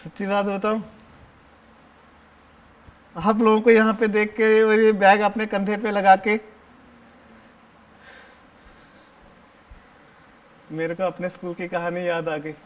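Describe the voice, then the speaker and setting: A man playing a cheeky high-voiced schoolboy. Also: little pitch movement, moderate pace, long pauses, highs cut off, lightly acted. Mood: chatty. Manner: bossy, chatty, keeps hushing and ordering classmates; fawning toward the teacher, repeats "sir" constantly. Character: cheeky seventh-grade schoolboy, talkative tattletale. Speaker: stage actor in a one-man play. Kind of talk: live solo stage acting, addressing the audience.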